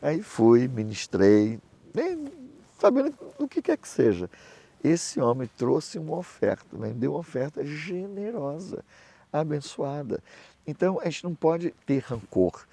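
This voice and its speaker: A man's voice: a little high, a little slow, gravelly. A middle-aged man, a pastor and missionary, preaching and telling anecdotes, acting out the people he quotes in his stories. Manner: animated storytelling, acts out other voices in quotes.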